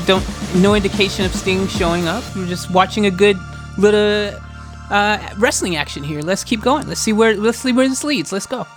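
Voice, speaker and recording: Excitable American podcast host reacting live. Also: medium pitch, moderate pace, over music. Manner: excitable, chatty, talks straight to listeners.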